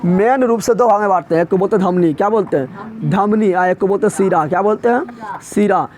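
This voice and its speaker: In a classroom lecture, a man with a high, light voice and a somewhat dark tone explains things colloquially and emphatically. He speaks briskly and keeps throwing short quiz questions at his students.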